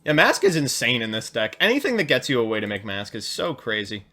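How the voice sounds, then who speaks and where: A man streaming a card game, chatting casually, reading chat aloud and getting excited. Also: medium pitch, a little fast. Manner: excitable, chatty, reads chat aloud and laughs at his own jokes. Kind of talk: casual live-stream commentary while playing a card game.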